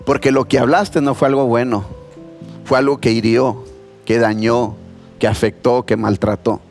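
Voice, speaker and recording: Pastor preaching over soft music. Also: male voice, medium pitch, moderate pace. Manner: conversational, animated storytelling with voiced quotes. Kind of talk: sermon. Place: church.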